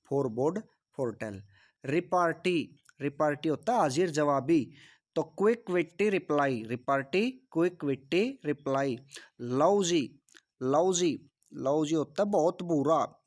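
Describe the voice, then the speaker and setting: A man teaching English vocabulary in Hindi. He repeats each word and its meaning and asks rhetorical questions as he drills the list. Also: fairly high pitch. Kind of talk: vocabulary lesson.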